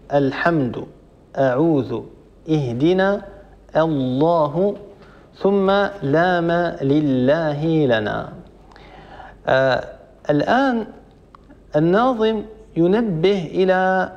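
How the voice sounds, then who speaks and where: A sheikh teaching Quran recitation rules, explaining a poem line by line, repeating points and slowly drawing out example words. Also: male voice, fairly high pitch, darkish tone, lo-fi sound. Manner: repeats points for emphasis, with hesitation fillers.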